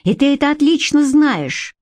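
A woman's voice: mid-range voice, lively intonation, normal speed, darkish tone, dry recording, studio quality, lightly acted. A woman reading the part of a proud, fiery young captive who answers her master with indignant outbursts. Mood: defiant.

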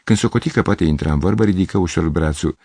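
A man with a deep, husky voice reads a literary story aloud in a measured, steady way. The sound is dry and close, with no echo.

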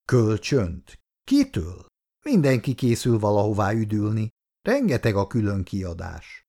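A man's voice: fairly low pitch, huge pitch swings, mellow, exaggerated voice. A man voicing an impatient young husband who speaks brusquely. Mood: irritated. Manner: brusque, questioning.

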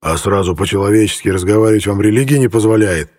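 A man voicing a surly, gruff bearded bandit leader who grumbles at strangers. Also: lowish voice, quick pace, a little mellow, lightly acted. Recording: long reverb.

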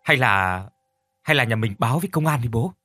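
A man's voice: mid-range voice, animated, a little fast, sharp tone, dry recording, faint music behind. A man voicing a grieving, frightened young woman who pleads through tears in a spoken horror story. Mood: pleading. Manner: tearful, pleading.

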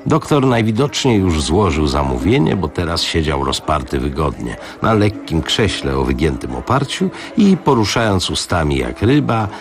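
A man reading a novel aloud on radio, in an expressive, dramatic narration. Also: a bass voice. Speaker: radio reader.

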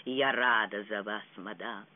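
A reader voicing a quiet, dryly deferential older lady's maid in an audiobook. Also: medium pitch, steady tone, measured pace, pitched below the performer's own voice, close to an everyday voice. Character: dry, low-voiced older lady's maid. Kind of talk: audiobook reading. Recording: tinny phone-like sound.

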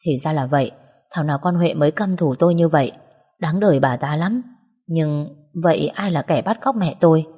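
A woman's voice: low-pitched, a little fast, warm tone, slightly rough. A woman narrating a first-person story in an earnest, emotional way, with long hall reverb.

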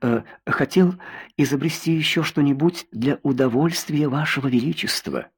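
A man voicing a charming young nobleman in an audiobook, speaking glibly and with flattery. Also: on the high side, normal speed, breathy edge, voice pushed up. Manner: glib and flattering.

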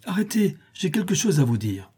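A man's voice: fairly high pitch, normal speed, mellow, breathy edge, pitched above the performer's own voice. A man reading a storybook, voicing a proud, stubborn boy who brags and mocks his friends. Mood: defiant. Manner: bragging, scornful. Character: boastful boy pirate captain, proud and stubborn.

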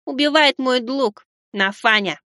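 A man's voice: a little slow, bright, forceful tone, no echo, studio quality, full character voice. A man voicing a defiant young boy with horns and grey hands, speaking in short blunt replies. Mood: cold. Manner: high, blunt and curt. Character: horned grey-handed boy, stubborn and defiant. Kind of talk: storybook character voicing.

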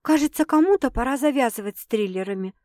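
A woman's voice: high-pitched, animated, fast talker, darkish tone, no room sound, pitched above the performer's own voice. A woman reading out a flustered young woman in a storybook, hesitant and a little defensive, her voice lifted above plain narration. Dry, close sound. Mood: unsettled. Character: flustered young woman, wary but curious.

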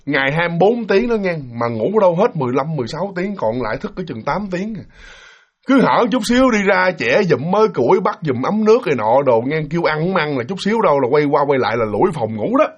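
A man telling a ghost story in casual spoken narration, animated and acting out the quoted voices. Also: a little high. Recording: dull lo-fi recording.

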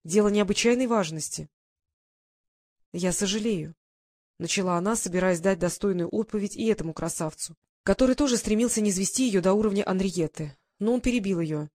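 A woman narrating a romance novel audiobook in calm, even storytelling. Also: mid-range voice, fast, dry recording, clean studio sound.

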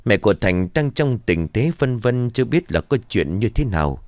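A man with a very deep voice narrates a somber story in a steady, even manner. The sound is close and dry, with no room around it. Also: normal speed, no room sound.

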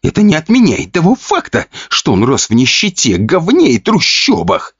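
A man's voice: medium pitch, huge pitch swings, moderate pace, slightly rough, dull audio, voice pushed up, full character voice. A man doing a whiny spoiled young heir. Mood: resentful. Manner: whiny, defensive, shouting.

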